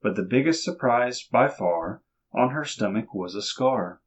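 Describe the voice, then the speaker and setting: A man reading a children's picture book aloud in an expressive storytelling manner, on a dull lo-fi recording. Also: mid-range voice, a little slow, husky. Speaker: reader.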